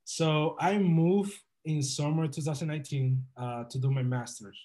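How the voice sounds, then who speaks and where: A young man from the Dominican Republic, a guest entrepreneur on a casual podcast interview, tells his story in an earnest, upbeat, motivational way. His voice is a little high and warm, with fairly even intonation at a normal speed.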